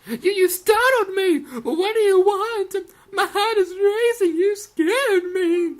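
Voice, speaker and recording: A woman's voice: extremely high pitch, lively intonation, faint music behind, pitched above the performer's own voice, full character voice. A woman voicing a young girl, a rich debutante fallen into poverty, in a theatrical, pleading and self-pitying way as she reads game dialogue. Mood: startled. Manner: theatrical, pleading, rapid gushing delivery. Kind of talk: reading game dialogue aloud in a put-on voice.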